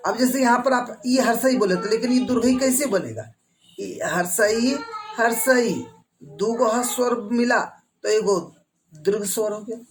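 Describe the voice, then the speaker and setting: A man teaching an exam-prep grammar lesson, repeating key terms and putting quick questions to his listeners. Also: very high-pitched, a bit bright, slight background noise, low-quality recording.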